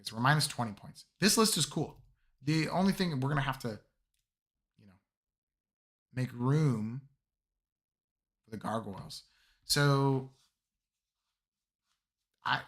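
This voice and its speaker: A man hosting a live stream, with a voice still raspy from a cold, chatting upbeat and casual with his viewers. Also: mid-range voice, a bit bright. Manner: upbeat, talks to chat. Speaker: streamer host.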